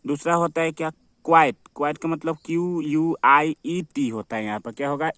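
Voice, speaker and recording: Male teacher, slightly high voice, dry close recording, drills words with self-answered questions. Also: steady tone, a little fast, a bit bright, clean tone, no echo. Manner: repetitive, asks and answers his own questions. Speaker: English teacher. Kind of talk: classroom-style vocabulary lesson.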